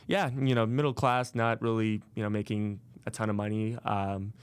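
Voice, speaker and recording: Young man with a smooth low voice. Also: little pitch movement, moderate pace, no room sound. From Las Vegas, USA. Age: 20s. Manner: casual, many fillers and restarts. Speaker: podcast host. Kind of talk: solo podcast monologue.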